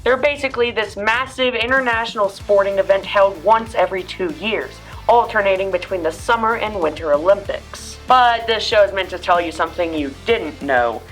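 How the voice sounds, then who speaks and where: Brief: woman host, playful scripted explainer, joking asides, mid-pitched voice. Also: normal speed, few pauses, faint music behind. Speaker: student news segment host.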